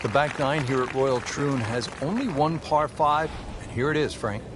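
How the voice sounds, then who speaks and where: A man's voice: a little high, normal speed. A man giving golf commentary as lead announcer, calling shots and putting questions to his co-commentator. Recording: noisy outdoor course, crowd and vehicle sounds. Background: crowd and loud outdoor ambience.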